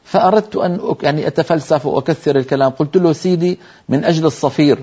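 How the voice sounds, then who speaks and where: An older man with a slightly high voice teaches recitation in a broadcast lesson. He explains with patient emphasis and voices single letters to show how they sound. The audio is dull and lo-fi. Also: rapid-fire, warm tone, breathy edge.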